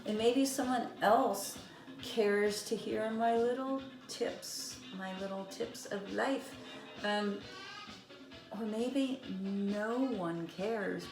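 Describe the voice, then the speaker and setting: Slow, rambling woman vlogger. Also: medium pitch. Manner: chatty, rambling, many fillers. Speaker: knitting vlogger. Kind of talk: casual chat. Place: room with vinyl playing. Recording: echoey room, music behind. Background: eighties vinyl record playing.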